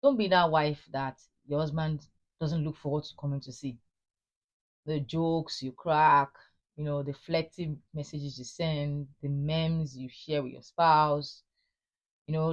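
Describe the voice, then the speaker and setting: A woman's voice: deep voice, muffled recording. A middle-aged woman giving earnest, encouraging marriage advice and repeating phrases for emphasis. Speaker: marriage advice channel host. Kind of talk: casual advice talk to wives.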